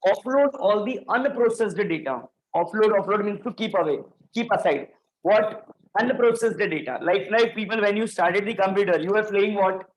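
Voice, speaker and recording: High-voiced teacher. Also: male voice, normal speed, slight background noise, rough recording. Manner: storytelling, coaxing, checks understanding often. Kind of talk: classroom lecture.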